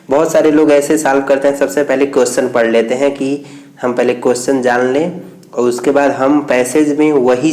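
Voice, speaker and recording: Mellow-voiced male teacher, slow and patient. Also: medium pitch. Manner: reads English lines slowly, then explains them. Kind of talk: explaining a reading exercise.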